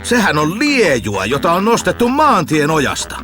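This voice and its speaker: A man's voice: fairly high pitch, wildly swooping pitch, over music, voice pushed up. A man voicing two haughty young men who mock their simple brother. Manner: sneering, scornful.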